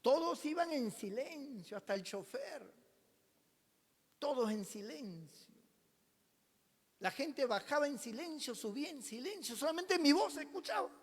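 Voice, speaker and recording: A man, a pastor preaching a sermon as a personal testimony, telling it dramatically and swinging between loud passages and hushed ones. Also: extremely high pitch, expressive, a little slow, long pauses. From Peru. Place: church sanctuary. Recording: long reverb of a church hall.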